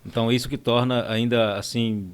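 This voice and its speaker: A man's voice: mid-range voice, level tone, normal speed, clear, resonant tone. A man in his fifties with a Brasília Portuguese accent, a guest in a studio podcast who speaks in a friendly, plain-spoken way with light self-deprecating humor. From Brasília, Brazil. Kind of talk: casual interview chat.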